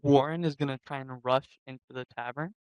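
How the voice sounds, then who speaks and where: A man playing a tabletop game, plainly declaring his moves and asking what is going on around his character. His mid-range voice is smooth and resonant, recorded dry and close. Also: medium pitch, fairly even intonation, a little fast, darkish tone, no echo, rough recording. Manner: asks questions, declares actions plainly. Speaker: player.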